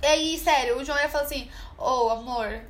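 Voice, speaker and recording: Talking very fast in a high, steady, slightly bright voice, a young podcast co-host loosely recommends a film, packing her chat with fillers and performing quoted lines. There's a little background noise.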